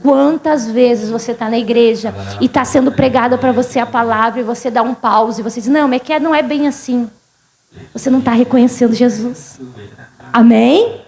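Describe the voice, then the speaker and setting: Pastora gaúcha de voz aguda. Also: female voice, on the high side, fairly even intonation, normal speed, vocal fry, a little mellow. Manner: conversational, questions the congregation often. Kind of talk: sermon. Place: church service.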